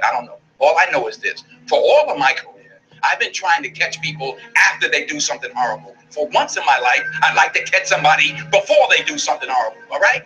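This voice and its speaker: An actor playing a driven, impatient federal agent in a film scene, pressing scientists with sarcastic, insistent questions. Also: male voice, fairly high pitch, sharp tone, low-quality recording. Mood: earnest. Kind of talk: film drama dialogue.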